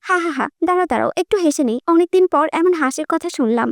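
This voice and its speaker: A mischievous young woman teases her family in an audiobook story, voiced by a woman reader. Her voice is very high and the sound is close and dry. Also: expressive, fast talker, no echo. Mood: mocking. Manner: mocking, cheeky.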